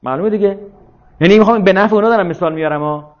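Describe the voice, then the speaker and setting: A high-pitched man who speaks on religion and politics gives an informal, argumentative lecture, often using rhetorical questions to check that his listeners are following. The sound is lo-fi.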